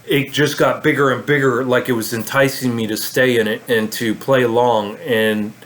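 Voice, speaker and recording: A man's voice: medium pitch, steady tone, moderate pace, a bit bright. Rambling man telling a story. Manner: rambling, many fillers and restarts. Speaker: vlogger. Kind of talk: casual storytelling monologue.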